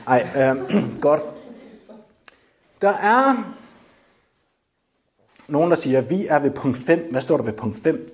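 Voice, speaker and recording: A man preaching a lively sermon, joking with the congregation and shouting to drive points home. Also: mid-range voice.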